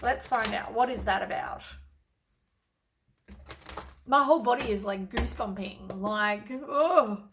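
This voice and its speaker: A woman's voice: mid-range voice, unhurried, pauses often, noisy background. A woman doing a casual tarot reading to camera, blunt and exasperated, with lots of sighs and casual swearing. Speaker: tarot reader.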